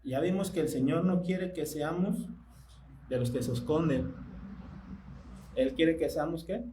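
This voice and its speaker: A man preaching a sermon in church, speaking conversationally and asking his congregation questions that he pauses to let them answer. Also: fairly high pitch, warm tone, a little hiss or hum, rough recording.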